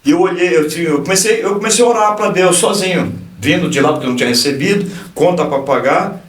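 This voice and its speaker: A man in his fifties with a Brazilian Portuguese accent, a lawyer and pastor giving an animated personal testimony on a podcast, stumbling and restarting as he goes. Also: high-pitched, fast talker. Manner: animated storyteller, acts out dialogue, frequent restarts. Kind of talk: personal testimony in casual conversation. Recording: echoey room, distant from the mic.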